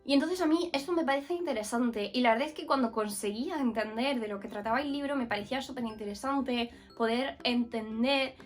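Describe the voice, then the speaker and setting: A woman's voice: fairly high pitch, fairly quick, hardly any pauses, soft background music. A woman from Murcia, giving a casual, frank book review with many fillers and restarts. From Murcia, Spain. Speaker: book vlogger.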